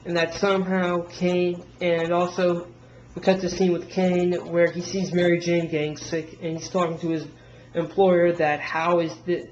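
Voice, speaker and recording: A man's voice: sits high, level tone, moderate pace, darkish tone, lo-fi sound, slight background noise. A man casually reviewing comic books, rambling through plot recaps with frequent restarts.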